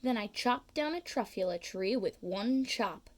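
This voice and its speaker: Reading aloud from a children's picture book, a woman takes it slow and expressive. She makes big pitch swings on the important words.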